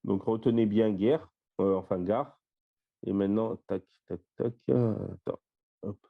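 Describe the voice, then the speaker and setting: A man with a lowish voice teaches an online Bible study, walking through word meanings slowly, point by point. His speech is full of little fillers as he works through the list. The audio is dull and lo-fi, like a voice call. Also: gravelly. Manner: lists word meanings in a slow, step-by-step way with fillers. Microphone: voice-call microphone.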